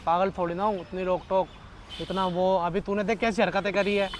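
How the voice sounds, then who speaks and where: Young man, high-pitched, arguing. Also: flat delivery, a little hiss or hum. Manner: teasing, pleading, talks fast in Hindi slang. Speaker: vlogger pranking his girlfriend. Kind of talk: casual argument prank vlog.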